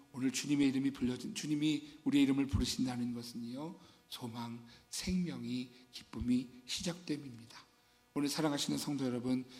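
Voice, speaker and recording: A pastor preaches fervently and dramatically to his congregation in a church sanctuary, acting out scenes such as a weeping Mary. His voice is medium pitch with a darkish tone, and the recording carries long church-hall reverb.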